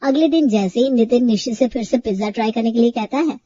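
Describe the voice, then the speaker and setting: A woman telling a cartoon story in a lively, animated narration. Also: on the high side, quick pace, distant mic, dull audio.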